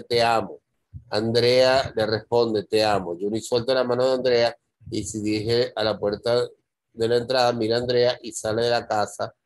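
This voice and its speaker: A man's voice: medium pitch, dry recording. A man teaching screenwriting, thinking aloud as he reviews and corrects a student's script.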